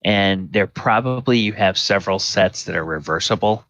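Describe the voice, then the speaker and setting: A man casually narrating a tabletop game as game master, explaining things in a halting way. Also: low-pitched, a bit bright, no room sound, muffled recording.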